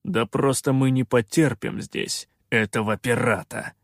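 A man voicing a gloomy, bullish male miner creature who talks slowly and sullenly. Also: mid-range voice, fairly bright tone, no echo, clean studio sound, natural voice. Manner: slow, sullen, grumbling.

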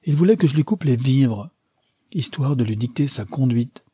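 A man voicing a shrewd, commanding old grandmother in a storybook reading, teasing and sly, with a husky voice. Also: medium pitch, expressive, normal speed, mellow, dry recording, pitched above the performer's own voice. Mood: scheming, teasing.

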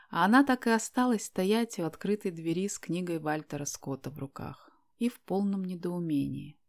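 A woman narrates a novel in a calm, even audiobook reading. Her voice sits at an ordinary middle pitch, steady and unhurried.

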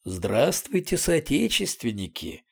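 A man voicing a stout, ruddy, grey-haired older doctor with a pleasant velvety voice, unhurried and amused. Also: mid-range voice, huge pitch swings, creaky, slightly rough, heavily acted. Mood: genial.

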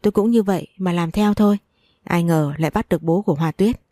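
A woman voicing a calm, guarded young husband who speaks in a level, measured way in a storybook reading. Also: on the low side, dry recording, clean studio sound, close to an everyday voice.

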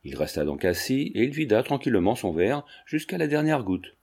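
A man narrating a classic novel in a measured, even storytelling manner. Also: medium pitch, slightly rough. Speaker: audiobook narrator. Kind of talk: scripted literary narration.

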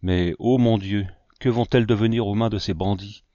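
A man's voice: fairly low pitch, steady tone, normal speed, mellow, no echo, close to an everyday voice. A man voicing an anguished, devout old male settler in a storybook reading, on a dull, dry recording. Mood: distraught. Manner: anguished pleading exclamations.

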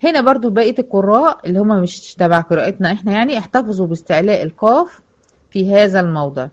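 A woman's voice: mid-range voice, animated, rapid-fire. An Egyptian woman gives a tajweed lesson to her female students. She speaks patiently, poses questions and then answers them herself. The recording sounds muffled and lo-fi. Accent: Egyptian Arabic. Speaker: Quran recitation teacher.

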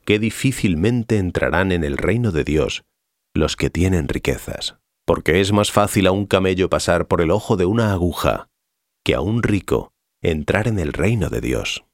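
A man voicing Jesus as a calm, solemn teacher, measured in delivery, in an audiobook reading. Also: low voice, no echo, clean studio sound.

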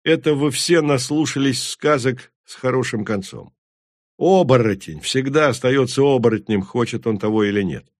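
Man voicing a gruff, scornful werewolf warrior. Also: mid-range voice, normal speed, no echo, studio quality, close to an everyday voice. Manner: blunt, scornful, swearing.

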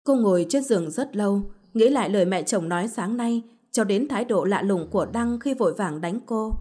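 A woman narrates a bedtime story in scripted narration. Her delivery is steady and even throughout. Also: medium pitch, brisk, breathy edge.

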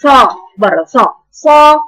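An Egyptian-accented woman leads a recitation class in a high voice. She repeats each sound to show it and corrects her students directly. Her teaching is firm and hands-on. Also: expressive, slow, bright, forceful tone, poor audio. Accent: Egyptian Arabic. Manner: demonstrates sounds by repeating them, corrects firmly.

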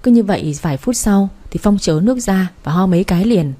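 A woman reading a romance story aloud in a steady storytelling manner. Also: medium pitch, brisk. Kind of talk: storybook audiobook narration.

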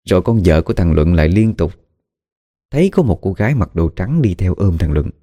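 A man tells a ghost story in a casual, colloquial way. His voice is very low and mellow, and he breaks into dramatic exclamations as he speaks. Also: very animated, fairly quick. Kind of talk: spoken ghost story narration.

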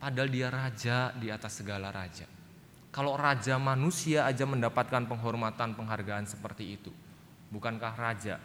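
A man's voice: on the low side, fairly bright tone, slight background noise. A male pastor preaching a sermon in a church, emphatic, often turning directly to the congregation. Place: church sanctuary. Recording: church recording with long reverb.

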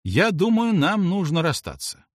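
In a full character voice pitched above his own, a man plays an indignant young woman. The voice sits high, swings hugely in pitch, and moves unhurriedly. The studio sound is clean, with no echo.

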